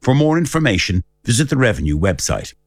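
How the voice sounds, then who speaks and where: A man's voice: mid-range voice, big pitch swings, fairly quick, no room sound, clean studio sound. A man reading a scripted public information advert as a voice-over.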